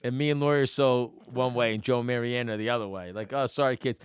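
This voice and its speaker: A man's voice: medium pitch, fast talker, clean tone. A man co-hosting a casual chat, emphatic and jokey, often calling his partner "bro.". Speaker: podcast co-host.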